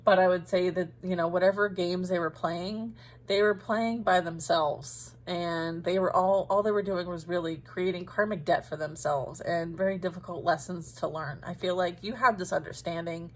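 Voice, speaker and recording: A woman's voice: fairly low pitch, steady tone, moderate pace. A woman giving a casual, rambling tarot reading directly to her listeners, talking with many fillers and often laughing at herself. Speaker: tarot reader.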